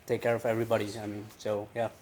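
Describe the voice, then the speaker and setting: A man in his thirties, born in the Netherlands, answering interview questions hesitantly with many pauses. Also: fairly low pitch, a little hiss or hum. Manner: hesitant, many fillers, flat delivery. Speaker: guest, personal trainer. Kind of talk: casual interview.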